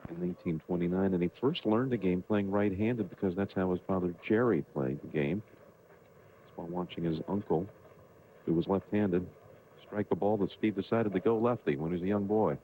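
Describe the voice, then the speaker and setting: A man's voice: sits low, normal speed. A man giving golf commentary on a television broadcast. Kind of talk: golf commentary with player background. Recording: dull lo-fi broadcast, faint noise.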